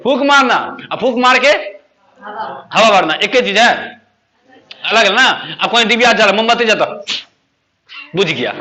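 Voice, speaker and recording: A man teaches a basic English class in a very high, bright, ringing voice. He jokes and laughs often, firing repeated questions at his students to keep them answering. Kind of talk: joking classroom lesson.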